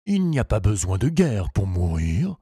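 A man voicing a wise, truthful pony in a storybook reading, speaking plainly and calmly. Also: lowish voice, breathy edge, no room sound, clean studio sound, heavily acted. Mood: solemn. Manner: slow, calm, plain-spoken.

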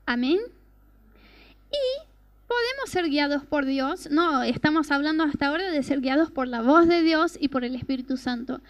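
A woman gives a personal testimony sermon. Her voice sits high, and she talks earnestly, often stopping to ask rhetorical questions. The sound is close and dry, with no room echo. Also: animated, normal speed. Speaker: preacher.

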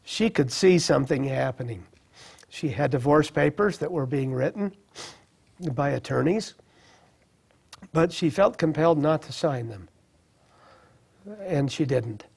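A middle-aged man telling a personal testimony in an earnest, reflective way, with halting restarts. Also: a little high, animated, gravelly, a little mellow, breathy edge. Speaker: speaker sharing a personal testimony. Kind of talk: personal storytelling.

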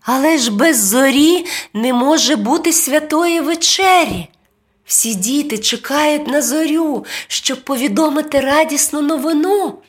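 A woman voicing an eager, brave little boy in a children's storybook, with high, excited exclamations. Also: measured pace. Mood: pleading.

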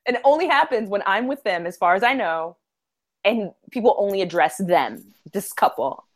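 A woman co-hosting a podcast, telling stories in casual chat, animated and laughing as she tells them. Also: medium pitch, normal speed. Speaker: podcast co-host.

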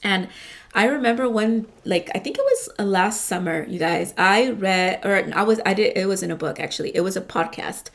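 A woman's voice: medium pitch, animated, normal speed, a bit bright. Woman, podcast host, casual motivational chat, rambling, swears often, talks straight to listeners. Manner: rambling, frequent swearing, addresses listeners as "you guys".

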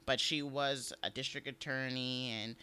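A man's voice: mid-range voice, steady tone, unhurried, pushed and bright, clear, resonant tone. A man co-hosting a podcast, talking casually about politics, laughing often and acting out what people say. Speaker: podcast co-host.

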